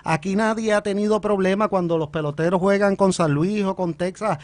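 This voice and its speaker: A Puerto Rican man argues politics on a panel in long, emphatic runs. His voice is notably high, and the sound is close and dry, with no room around it. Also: fairly quick, dry recording. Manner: argumentative, builds points at length, emphatic.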